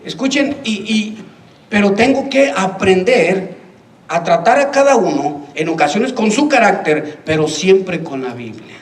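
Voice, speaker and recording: A man's voice: high-pitched, expressive, measured pace, slight background noise. A man preaching a sermon as pastor, telling stories with humor and acting out the voices of the people in them. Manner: storytelling, humorous, acts out quoted voices. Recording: echoey hall from far off, congregation heard.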